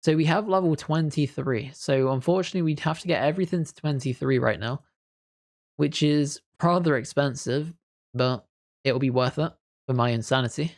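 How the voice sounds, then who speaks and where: Male gaming commentator: casual, thinks aloud, low-key reactions. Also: moderate pace, a little mellow. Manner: chatty, thinks aloud while playing; mild, understated reactions. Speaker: gaming video creator.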